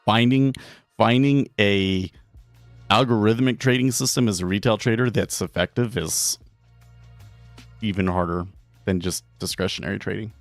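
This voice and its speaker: Low-voiced man chatting on a trading stream. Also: no room sound. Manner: casual, halting, repeats words. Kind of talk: live trading stream chat. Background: faint background music.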